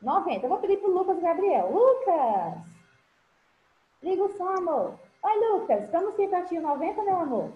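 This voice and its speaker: High, affectionate woman teacher on a video call. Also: sing-song, moderate pace. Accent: Brazilian Portuguese. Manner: affectionate, encouraging, pet names. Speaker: English teacher. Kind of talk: online class with children. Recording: roomy, dull video-call audio with faint hiss.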